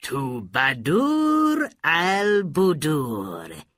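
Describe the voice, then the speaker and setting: A man voicing a scheming, greedy male magician who speaks slowly and coaxingly in a storybook reading. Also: on the high side, wildly swooping pitch, fairly bright tone, no echo, studio quality, pitched above the performer's own voice, exaggerated voice.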